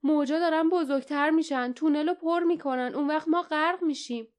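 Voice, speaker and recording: A woman's voice: high-pitched, expressive, warm tone, smooth, voice pushed up. A woman reading an audiobook, voicing a fierce teenage girl crying out in fear. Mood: frightened.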